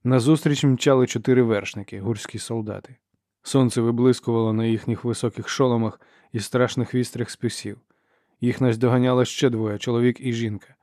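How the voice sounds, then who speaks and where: A man reading a novel aloud as an audiobook narrator, in steady, measured storytelling. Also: mid-range voice, dry recording, studio quality. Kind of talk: scripted narration.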